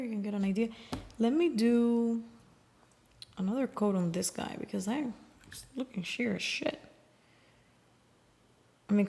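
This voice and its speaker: A woman's voice: medium pitch, gravelly, dark tone. Woman, nail polish reviewer, chatty and offhand, close to the mic, sometimes whispers. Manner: chatty, swears casually, sometimes drops to a whisper. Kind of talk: casual swatching chat.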